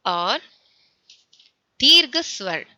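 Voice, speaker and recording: A woman teaching a school Hindi lesson, saying words slowly, repeating them and often checking that her students follow. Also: medium pitch, very animated, sharp tone, no echo.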